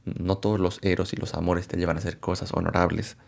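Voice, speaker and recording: A man presenting a philosophy lecture, unhurried and thinking aloud, often checking in with rhetorical questions and correcting himself as he goes. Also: sits low, level tone, creaky, darkish tone. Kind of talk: explanatory lecture to camera.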